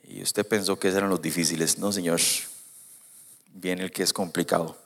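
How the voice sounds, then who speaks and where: A man preaching a sermon, animated, moving from quiet asides to loud emphatic points. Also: sits low, moderate pace.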